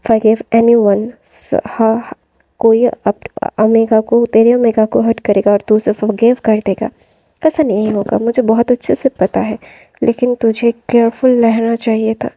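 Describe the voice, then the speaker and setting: A woman's voice: fairly high pitch, level tone, measured pace, warm tone, dry recording. A woman voicing a stern but caring middle-aged mother with a firm, matter-of-fact delivery.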